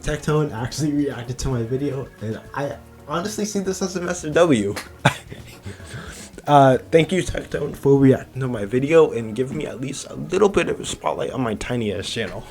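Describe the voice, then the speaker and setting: A young man making a casual video, talking fast with frequent stutters and restarts. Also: medium pitch, lively intonation, a little mellow, soft background music. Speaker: video creator. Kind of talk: casual vlog commentary.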